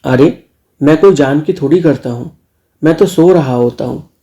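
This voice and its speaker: A man's voice: a little high, normal speed, dark tone, lo-fi sound, close to an everyday voice. Man doing a cheeky young nephew. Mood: defensive. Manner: cheeky, defiant.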